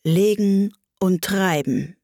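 A mournful, sighing mock turtle from a storybook, voiced by a woman, dragging each word out very slowly. The voice sits low and breathy, plaintive and heavy. It is recorded dry and close. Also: dark tone, dry recording.

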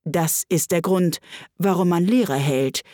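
A woman's voice: on the low side, unhurried, darkish tone, no echo, studio quality, lightly acted. A woman voicing a curious young girl in a storybook reading, speaking in an earnest, questioning way. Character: curious polite young girl, easily ruffled.

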